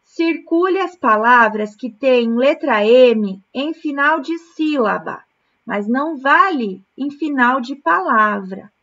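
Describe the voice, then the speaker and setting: Patient, slow-talking Brazilian woman teacher. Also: sits high, animated, a bit bright, muffled recording, a little hiss or hum. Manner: slow, patient, syllable-by-syllable explanation. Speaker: primary school teacher. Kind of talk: recorded remote lesson correcting exercises.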